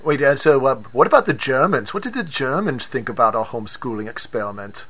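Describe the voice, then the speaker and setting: A man's voice: medium pitch, animated, brisk, sharp tone. A middle-aged man hosting a casual podcast interview, asking playful questions and often cutting in. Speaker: host interviewing his sons.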